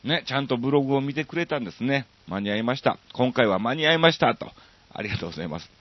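A man from Osaka with a Kansai accent hosting a radio show, chatting casually and reading listener mail with lots of drawn-out fillers. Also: medium pitch, no echo, muffled recording. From Osaka, Japan.

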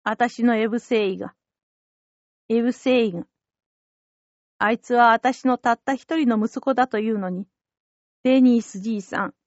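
A woman's voice: fairly high pitch, moderate pace, long pauses, no room sound, muffled recording, natural voice. A woman voicing a grieving old mother, pleading in tears. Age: older. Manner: tearful pleading.

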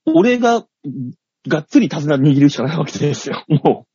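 Animated middle-aged man telling a story. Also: on the high side, moderate pace, husky, no echo. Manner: animated, acts out scenes, laughs at his own story. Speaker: comedian and radio show host. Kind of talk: casual storytelling chat. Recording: dull, dry studio sound.

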